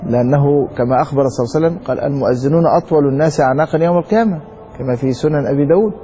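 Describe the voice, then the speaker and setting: A man with an Egyptian Arabic accent teaching a religious lesson, reading a text slowly and then explaining it with rhetorical questions to his students. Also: on the high side, mellow, slight background noise. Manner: reads a text slowly, then comments quickly. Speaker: sheikh teaching Maliki law.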